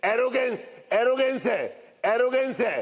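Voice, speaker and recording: Man, debate panelist, heckling, repeats words, high gravelly voice, dull lo-fi sound. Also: measured pace. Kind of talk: heated TV debate.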